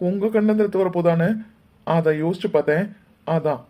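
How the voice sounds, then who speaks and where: A man's voice: sits high, fairly quick, highs cut off. A man voicing a protective brother in a cartoon, scolding and sarcastically threatening the other family. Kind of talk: cartoon dialogue acting.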